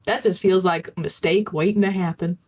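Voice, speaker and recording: A woman voicing a calm, folksy Southern woman survivor in a put-on Southern accent, talking guards down. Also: on the low side, brisk, close to an everyday voice. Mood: coaxing. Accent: fake Southern US.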